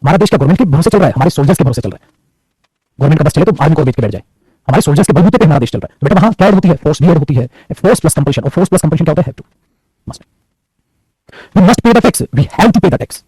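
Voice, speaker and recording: A high-voiced male teacher talks fast and swoops up and down as he lectures. His voice is a bit husky and sits close and dry on the mic. He teases and scolds his students as he goes. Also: expressive, warm tone, no room sound, poor audio. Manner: scolding, teasing, calls students beta. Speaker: English grammar teacher. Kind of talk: classroom lecture in Hindi mixed with English.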